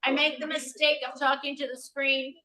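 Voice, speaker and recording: A woman's voice: high voice, little pitch movement, normal speed, crowd noise. A woman greeting people at a group meeting, calling out names in a friendly way. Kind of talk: casual group meeting talk.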